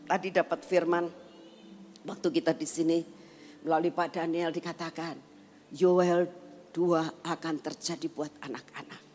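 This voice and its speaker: An older woman giving an animated church testimony, telling a story and acting out the dialogue of its people. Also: deep voice, measured pace, pauses often, a little hiss or hum. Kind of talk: sermon testimony.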